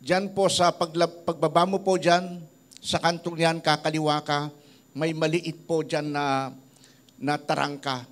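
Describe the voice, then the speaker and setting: A man's voice: fairly high pitch, unhurried. A middle-aged man from the Philippines, a pastor preaching a sermon and telling stories about people he has met, acting out their words. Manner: tells stories in a lively voice, quoting people he met. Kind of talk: sermon with storytelling.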